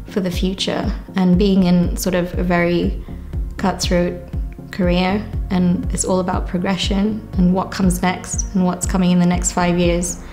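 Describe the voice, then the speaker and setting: A young woman, giving a reflective, unhurried personal testimony with frequent pauses. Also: lowish voice, a little mellow. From Kenya. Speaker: church member giving testimony.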